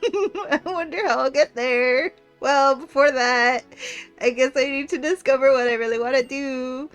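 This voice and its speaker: A woman's voice: high-pitched, unhurried, fairly bright tone, smooth, faint music behind. A woman voicing an eager, pleading teenage girl from a video game, with gushing Valley Girl speech. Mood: starry-eyed, gushing. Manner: Valley Girl talk, gushing, peppered with "like" and "totally". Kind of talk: playful voice-over read of video game dialogue.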